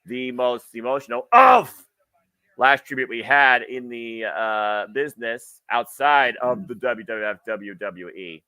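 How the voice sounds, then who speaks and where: A man doing wrestling play-by-play commentary, with halting, wordy analysis between calls of the moves. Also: mid-range voice, expressive, pushed and bright, smooth, no echo.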